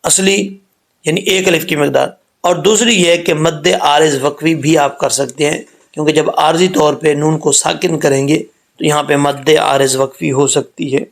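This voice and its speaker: Gravelly-voiced man teaching Quran recitation. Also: a little high, fairly even intonation. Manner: patient step-by-step explanation, slowing down to model sounds.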